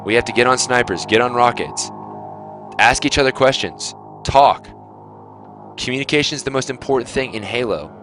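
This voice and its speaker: Young male team captain, blunt lecturing pep talk with plenty of swearing, mid-pitched, faint music under him. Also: moderate pace, pauses often, fairly bright tone.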